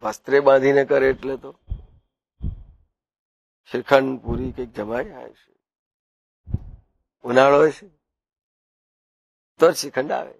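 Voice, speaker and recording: A man's voice: mid-range voice, steady tone, measured pace, vocal fry, pauses often, no room sound. A man giving a devotional sermon, telling stories and asking his listeners questions. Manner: storytelling, asks the listeners questions. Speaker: devotional preacher. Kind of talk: devotional discourse with storytelling.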